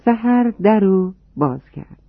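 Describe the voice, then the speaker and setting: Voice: medium pitch, animated, dry recording. A narrator telling a storybook tale to children and speaking to them directly. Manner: warm, addressing children directly. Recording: dry, tinny phone-like sound.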